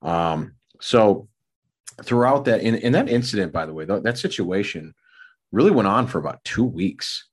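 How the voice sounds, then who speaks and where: A man's voice: lowish voice, expressive, moderate pace, breathy edge. A middle-aged man from Minneapolis, co-hosting a podcast and telling a long, rambling story with many fillers and restarts. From Minneapolis area. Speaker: podcast co-host. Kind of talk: casual storytelling.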